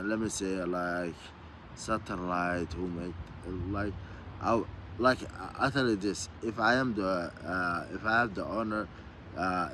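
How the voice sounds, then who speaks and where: A man's voice: low voice, background noise. A man from Somalia talking to his viewers in a loose, rambling vlog, repeating himself and asking "you know what I mean". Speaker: vlogger. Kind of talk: casual rambling monologue.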